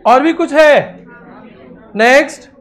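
A woman teaching accounting, calling on students one by one, brisk and teasing as she urges them to answer. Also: sits high. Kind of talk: classroom questioning.

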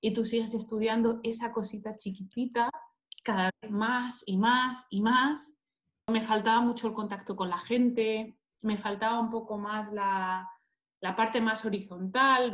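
Being interviewed on a video call, a Madrid woman in her thirties who works as a market manager and scientist replies conversationally with a Spain Spanish accent. She talks a little slowly, with medium pitch and fairly even intonation, into an earphone headset in a plain-walled room indoors.

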